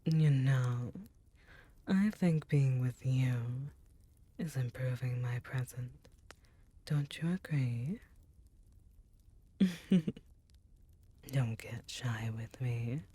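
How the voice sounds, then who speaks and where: A woman performs an ancient succubus demon queen for an intimate ASMR roleplay, her voice very deep, dark and mellow and often slipping into soft, breathy whispers. She speaks slowly, tender, teasing and remorseful, in a heavily acted delivery on a dry recording.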